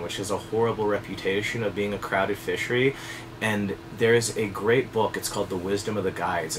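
Low-voiced guy in his 30s talking to camera at a desk, laid back and chatty, some hum behind. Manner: relaxed, conversational, with fillers and asides. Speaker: fly fishing guide. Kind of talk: direct-to-camera instructional talk. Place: indoor studio set, seated at a desk.

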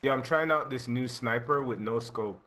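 A young man playing a shooter with a teammate, talking fast and restless, swearing and joking around. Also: mid-range voice, fairly bright tone. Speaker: gaming teammate. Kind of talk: casual gaming chat.

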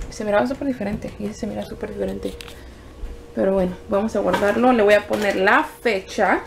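A woman's voice: mid-range voice, vocal fry, a little hiss or hum. A young woman, a new mother, chatting casually in her daily home vlog, rambling with fillers and restarts.

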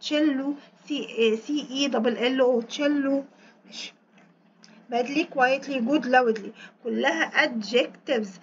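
An Egyptian woman teaching English. She explains fast in Egyptian Arabic, reads the English lines slowly and spells words out letter by letter. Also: sits high, highs cut off, slight background noise. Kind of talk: recorded exam walkthrough lesson.

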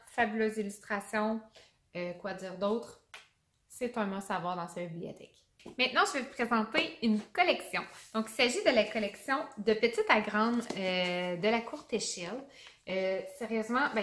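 A woman's voice: mid-range voice, fairly bright tone. A young woman with a Québécois accent, a teacher chatting enthusiastically about children's books and stumbling on names. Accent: Québécois French. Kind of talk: casual book review vlog. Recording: roomy echo.

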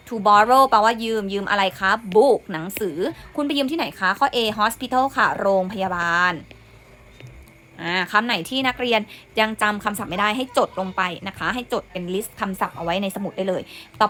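A young woman works through an exam as an English teacher, explaining each word with patient repetition. Her voice is bright and clear. She speaks at a middle pitch for a woman. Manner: patient, repeats words and meanings, says "นะคะ" often.

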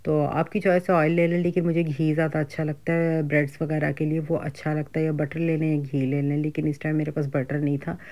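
Her voice is low, darkish and level, and she talks fairly quickly with hardly any pauses. This middle-aged home cooking vlogger with a Pakistani Urdu accent chats casually through groceries and cooking, full of fillers and asides.

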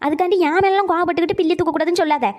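A bossy old cartoon grandmother, voiced by a woman,. She scolds in a high, quick voice and then coos fondly at her grandson. Her tongue is sharp, and she fires out every line. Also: fairly even intonation. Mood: scolding. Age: older. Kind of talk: cartoon voice acting.

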